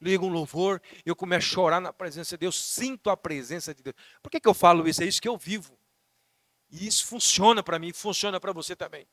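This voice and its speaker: A man with a Brazilian Portuguese accent preaching a sermon as pastor, fervent and swinging between soft talk and shouting. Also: high voice, a little fast, no room sound.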